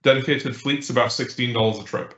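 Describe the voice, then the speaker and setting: A man's voice: mid-range voice, fairly even intonation, a little fast, a bit bright. Male presenter, businesslike, on a glitchy, cutting-out video call with an echoey, muffled line. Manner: businesslike with filler uhs and restarts. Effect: glitchy, cutting-out call audio. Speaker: transit agency presenter. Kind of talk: meeting update over a call. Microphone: remote video call. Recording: dull, echoey remote call audio.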